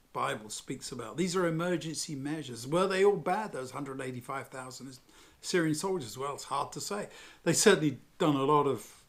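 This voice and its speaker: A man with a slightly high voice leads a Bible study lesson. He tells the story in a chatty, animated way, tossing in asides and small chuckles as he goes. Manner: lively, conversational retelling with asides and chuckles.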